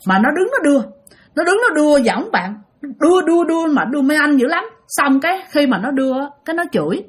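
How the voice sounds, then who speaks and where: A woman's voice: high voice, a little fast. Lady telling a ghost story, chatty, voice jumps all over. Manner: animated, conversational, addresses listeners.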